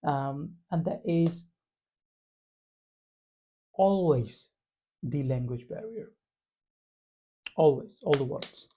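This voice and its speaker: A man's voice: fairly high pitch, animated, very slow, long pauses, mellow, slight background noise. A man from Punjab with an Indian accent, talking reflectively to camera in a loose, casual way. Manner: reflective, loose phrasing full of fillers. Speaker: vlogger.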